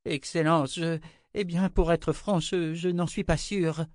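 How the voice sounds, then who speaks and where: A man's voice: on the high side, a little slow, darkish tone, dry recording, studio quality, voice pushed up, natural voice. A man voicing a nervous woman who serves a tyrant, speaking hesitantly and stammering.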